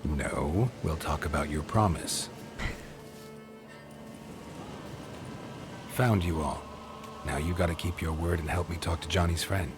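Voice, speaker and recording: A man playing a stoic, gruff monster hunter in a video game, terse and restrained but gentle with children, with a gravelly voice. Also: rumbling low, normal speed, background noise. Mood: dry, firm.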